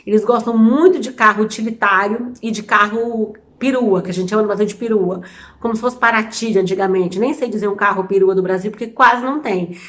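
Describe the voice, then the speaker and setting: A woman's voice: mid-range voice, brisk. A Brazilian woman in her thirties with a Brazilian Portuguese accent, chatting casually to camera as a vlogger, amused and full of examples. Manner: chatty, amused, explains with many examples and restarts. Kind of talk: casual explainer chat to camera.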